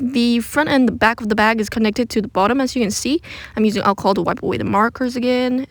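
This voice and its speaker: With a slightly high voice and no room sound at all, a woman voices over her craft tutorial from beneath a blanket. The narration of her DIY attempt is laid-back and self-deprecating, close and muffled.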